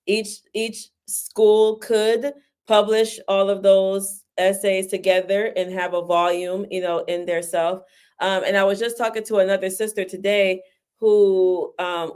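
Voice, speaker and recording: Fast-talking woman with a lowish voice. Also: darkish tone, smooth. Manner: talks fast, says "right?" often. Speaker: guest, book publisher and ghostwriter. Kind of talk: casual interview talk.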